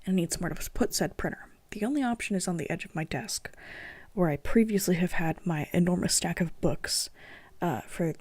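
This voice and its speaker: A young woman hosting a writing vlog, speaking mostly in a soft whisper as she reads her old prose aloud. She sounds sleepy and keeps yawning. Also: on the low side, brisk, dry recording. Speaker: writing channel host.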